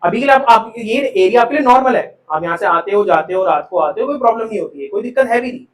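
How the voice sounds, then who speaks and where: Recorded from far off in an echoey classroom, a male teacher with a high, bright voice lectures a live commerce class quickly and with lively intonation. He keeps firing questions at the students and calls them "beta."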